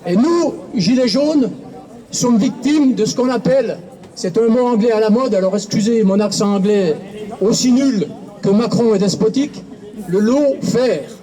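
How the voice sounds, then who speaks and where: High-pitched, mellow-voiced man giving a rally speech. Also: moderate pace, a faint crowd. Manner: oratorical, formal, quoting writers. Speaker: protest speaker. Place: outdoor rally.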